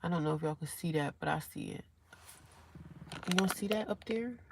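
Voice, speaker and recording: Sitting in a car parked along a highway, a woman talks with her live-stream viewers at normal speed in a fairly low, creaky voice. She's casual, reads comments out loud, and repeats herself, with faint traffic in the background.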